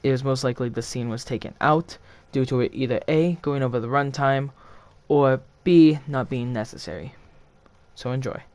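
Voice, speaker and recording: A man's voice: mid-range voice, moderate pace, a little mellow, clean tone. Man casually narrating a storybook. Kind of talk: reading a fan reconstruction of a children's story.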